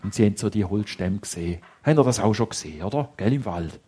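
Speaking quickly in a fairly low, husky voice, a Swiss German-accented man brings a children's story to life, slipping into hushed tones to create suspense.

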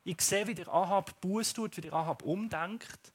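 A man with a Swiss German accent voicing God, speaking softly and solemnly about mercy. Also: high-pitched, normal speed, slightly rough.

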